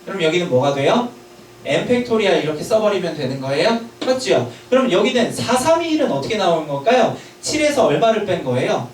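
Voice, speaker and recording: A man teaching a math lecture, drilling students with quick checking questions and an emphatic, sometimes scolding manner. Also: high-pitched, sing-song, slight background noise. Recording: echoey room with distant mic.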